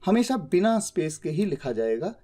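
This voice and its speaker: Indian man teaching slowly, mellow voice. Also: high voice, big pitch swings. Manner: explains step by step, slows down sharply on English example sentences. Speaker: English teacher. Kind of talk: spoken English lesson in Hindi.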